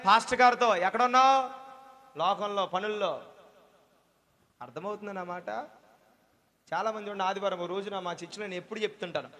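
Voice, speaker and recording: High-voiced preaching man in a reverberant hall. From India. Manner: preaching with call-and-response, urging the congregation to say amen; swings from loud ringing shouts to low murmured asides. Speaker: pastor. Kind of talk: revival sermon. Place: church hall.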